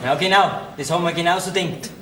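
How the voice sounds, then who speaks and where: A man's voice: high-pitched, fast, heavy background noise, lightly acted. A young actor with a Bavarian accent, playing an earnest, teasing young man in a folk comedy. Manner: righteous, teasing. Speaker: stage actor. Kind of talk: folk theater comedy acting. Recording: echoey stage recording.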